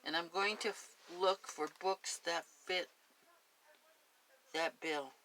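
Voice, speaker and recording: Woman with a Spanish accent reading aloud; bright, forceful tone, relaxed and digressive between passages. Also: lowish voice, slow, slight background noise, low-quality recording. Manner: chatty, digressive, homey. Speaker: story reader. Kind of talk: reading a story aloud with chatty asides.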